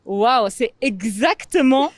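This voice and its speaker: Higher-voiced woman hosting a language lesson. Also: expressive, slow, dry recording, studio quality. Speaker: host and language teacher. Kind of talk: casual presenting and teaching.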